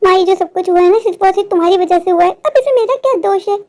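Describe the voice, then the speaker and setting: In this storybook drama, a woman plays a stubborn young office worker who pleads and frets, close to tears. Her voice sits very high. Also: rapid-fire, dark tone. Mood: panicked. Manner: pleading and anxious, often near tears. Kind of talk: storybook voice acting.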